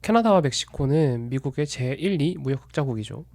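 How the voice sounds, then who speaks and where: A man calmly walking through his own view of markets in a solo commentary, measured and analytical, sometimes stopping to correct himself. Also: mid-range voice, no echo, studio quality. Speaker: investment commentator.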